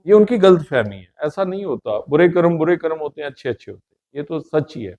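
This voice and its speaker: A man's voice: on the high side, animated, a little fast, phone-quality sound. A middle-aged man speaking as a guest in a casual interview, telling his views in an earnest, reflective way. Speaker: podcast guest.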